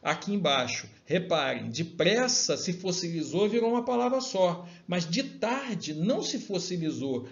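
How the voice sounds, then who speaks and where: A man's voice: high voice, dull audio. A male teacher explaining grammar in a recorded lecture, often checking in with his students. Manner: explanatory, frequent tag questions.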